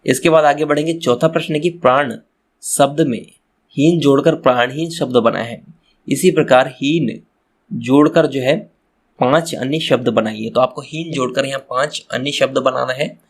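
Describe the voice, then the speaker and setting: A man's voice: mid-range voice, normal speed. A man teaching a class, going through textbook answers step by step, often speaking to the children directly and repeating himself. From Madhya Pradesh, India. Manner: repeats phrases, addresses children directly, restarts words. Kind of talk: exam answer walkthrough lesson.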